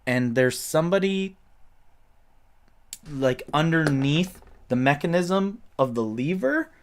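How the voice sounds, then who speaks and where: A man's voice: fairly high pitch, very animated, slow, slight background noise. A man narrating as game master of a tabletop game, describing scenes loosely with many fillers.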